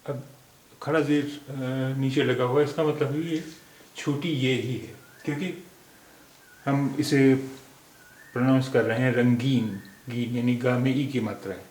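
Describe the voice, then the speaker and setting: A man's voice: mid-range voice, steady tone, a little slow, darkish tone. A man teaching letters and words step by step, patiently explaining and saying each word three times over. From India. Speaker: language teacher. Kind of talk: slow word-by-word script lesson. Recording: echoey room with faint background noise.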